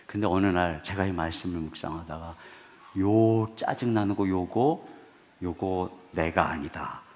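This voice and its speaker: A middle-aged male pastor delivering a sermon, telling stories with loud bursts and hushed low lines. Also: measured pace. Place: large church sanctuary. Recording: long church hall reverb.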